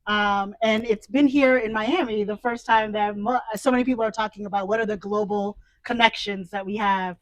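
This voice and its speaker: A woman from New York City hosts the interview and encourages her guest with quick affirmations. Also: medium pitch, steady tone, no room sound, poor audio. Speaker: interview host. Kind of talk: conversational interview.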